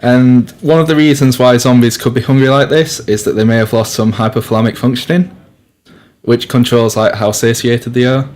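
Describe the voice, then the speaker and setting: A man's voice: medium pitch, fairly even intonation, normal speed, a little mellow. A young man co-presenting a radio science show, explaining loosely with lots of fillers and restarts. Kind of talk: casual science chat.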